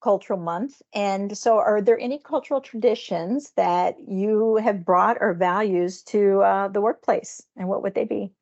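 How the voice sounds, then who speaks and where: A woman's voice: mid-range voice, measured pace, few pauses, darkish tone. Upbeat woman interviewer, dull audio. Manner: upbeat, encouraging, hesitant fillers. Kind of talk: casual interview conversation.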